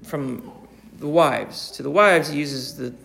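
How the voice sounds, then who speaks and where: Slow, gravelly male preacher. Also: on the high side, fairly bright tone. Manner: slow, deliberate, with frequent restarts. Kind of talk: sermon.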